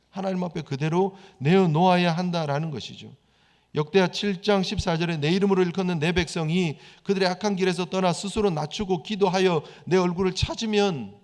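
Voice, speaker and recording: A man's voice: sits high, creaky. A man preaching a sermon as pastor, talking conversationally and asking rhetorical questions. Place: church sanctuary. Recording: long church hall reverb.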